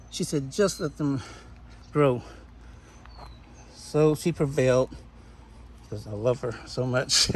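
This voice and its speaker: Folksy man touring his backyard garden. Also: medium pitch. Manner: folksy, chatty, laughs often. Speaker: homestead gardener giving a garden tour. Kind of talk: casual garden walkthrough.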